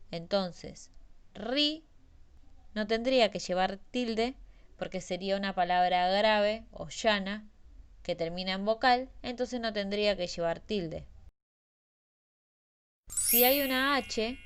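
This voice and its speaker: Slow, clear woman teaching a lesson. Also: medium pitch. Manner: slow, careful, stresses example words. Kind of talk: explanatory grammar lesson.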